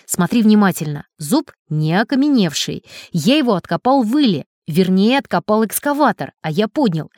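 A woman's voice: medium pitch, very animated, normal speed, few pauses, a little mellow, dry recording, clean studio sound, natural voice. A woman reading a bold, boastful male diver. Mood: eager. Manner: eager, proud, commanding. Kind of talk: storybook character voice.

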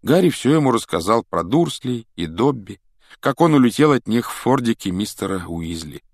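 A man narrates a storybook in an expressive, animated way, his pitch rising and falling widely. The recording is dry and close, with no room around the voice. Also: normal speed, no echo. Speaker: audiobook narrator.

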